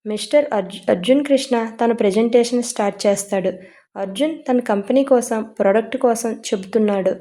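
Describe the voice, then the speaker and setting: A woman reads an audio story in a steady, even storytelling manner, dropping English words in here and there. Her voice sits a little high and sounds mellow and soft. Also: a little fast.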